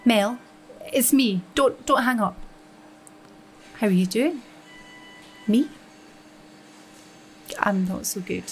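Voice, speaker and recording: A woman with a Scottish accent playing a fed-up, middle-aged nurse who swears freely and talks in a loud, carrying voice. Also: a little high, slow, pauses often, faint music behind, poor audio. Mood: pleading. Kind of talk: audio drama monologue.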